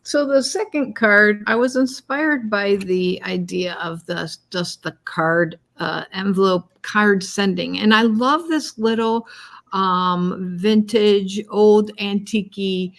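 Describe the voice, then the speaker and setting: A woman's voice: mid-range voice, slow. A woman co-hosting a cardmaking video, chatting casually and a little rambly as she demonstrates. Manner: chatty, rambling, self-deprecating. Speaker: cardmaking co-host.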